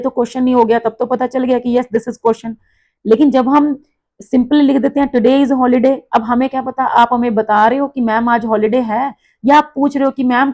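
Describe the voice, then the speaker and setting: A woman teacher explaining an English lesson in Hindi, reading example sentences slowly with marked stress and intonation. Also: a little high, mellow.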